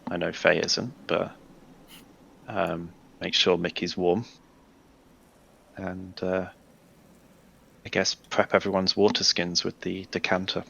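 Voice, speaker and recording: A man's voice: deep voice, level tone, takes it slowly, creaky, long pauses, fairly bright tone, breathy edge, lo-fi sound. A man casually playing his character in a tabletop role-playing game, wry and rambling. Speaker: player.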